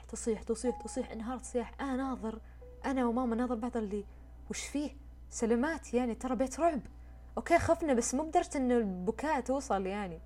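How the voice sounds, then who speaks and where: A woman, telling a story in a casual, expressive, chatty way. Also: on the high side. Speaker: vlogger.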